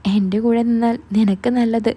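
A woman's voice: a little high, steady tone, moderate pace, dark tone, close to an everyday voice. A woman voicing a pushy, coercive middle-aged man in a spoken story, with an insistent, pressuring delivery.

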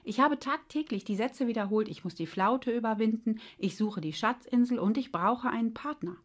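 A woman's voice: fairly high pitch, moderate pace, close to an everyday voice. Woman doing a fretful, literal-minded mind. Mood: puzzled. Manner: puzzled, sheepish.

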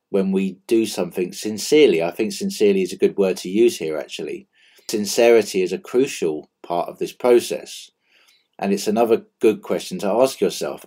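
A man with a low, mellow voice talks through a spiritual lesson in an earnest, measured way. He comes back to key phrases again and again to drive them home, like a patient teacher guiding a listener. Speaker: channel presenter.

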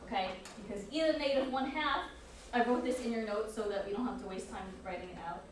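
A woman's voice: on the high side, quick pace. A woman teaching a college calculus class, explaining step by step and saying "okay" often. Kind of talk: classroom lecture. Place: lecture classroom. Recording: echoey room, distant mic, noise.

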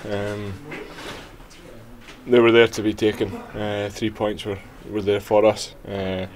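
Hesitant young footballer, low voice. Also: male voice, monotone, slow pace, darkish tone. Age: 20s. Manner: hesitant, many ums and restarts. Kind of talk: post-match interview. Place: small indoor press area before sponsor board.

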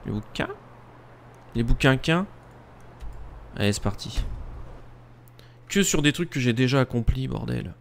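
A man streaming a live game, joking crudely and bursting into excited outbursts as he plays. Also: mid-range voice, a little slow, gravelly, long pauses, a little hiss or hum. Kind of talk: live gaming commentary.

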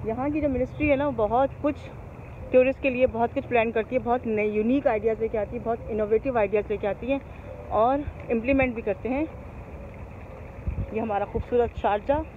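A woman's voice: a little high, a little fast, phone-quality sound, slight background noise. A middle-aged woman vlogging outdoors in a park, chatty and cheerful, filming herself on a handheld phone camera and switching between English and Hindi. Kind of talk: casual vlog chat.

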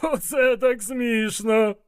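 A man's voice: extremely high pitch, takes it slowly, clear, resonant tone, pitched above the performer's own voice. A man voicing a jovial, scheming older male gang boss who laughs a lot, in an audiobook. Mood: amused. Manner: boisterous, laughing.

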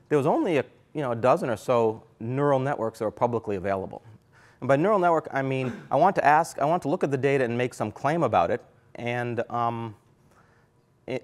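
A middle-aged man giving a keynote lecture in a lecture hall, talking in a loose, conversational way with frequent fillers. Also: mid-range voice. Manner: conversational, thinks aloud with fillers. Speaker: keynote speaker. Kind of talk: academic lecture.

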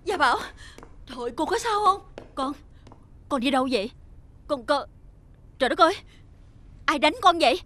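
A wealthy mother in a TV drama, speaking with a Southern Vietnamese accent. Her voice sits high and turns shrill and scolding. She fusses over her own son but tears into the boy she blames. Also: expressive, moderate pace, pauses often, fairly bright tone. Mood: worried. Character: wealthy mother, doting to her son, harsh to his friend. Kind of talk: TV drama acting.

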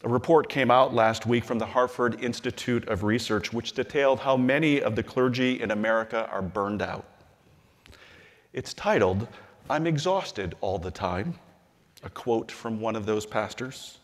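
Earnest bishop preaching in a reverberant hall. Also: male voice, medium pitch. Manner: measured and earnest, slowing and softening on scripture. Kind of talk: sermon-style convention address. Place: large hall, at a lectern on a stage.

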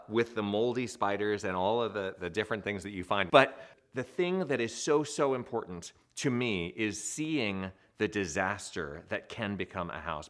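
A middle-aged man hosting an interview, asking inquisitive, earnest questions from a studio with a dark backdrop. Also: fairly low pitch. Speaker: host. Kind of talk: interview host.

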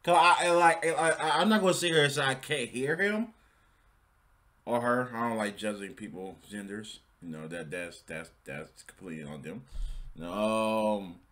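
A man's voice: on the low side, expressive, moderate pace, fairly bright tone. A man giving casual, rambling reaction commentary, with lots of slang and repeated words. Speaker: reaction video host.

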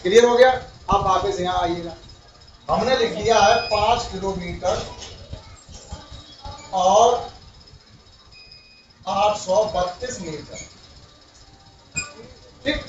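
A male primary school teacher giving a classroom lesson, asking his pupils questions and repeating their answers. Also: high-pitched. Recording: roomy, far-off, dull, slightly noisy.

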